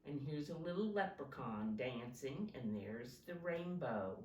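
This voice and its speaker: A teacher with a low voice reads a picture book to young children in an unhurried, simple, instructive way, pointing out pictures and prompting them. Her intonation rises and falls with lively swings. The recording sounds roomy and somewhat distant, with faint noise behind.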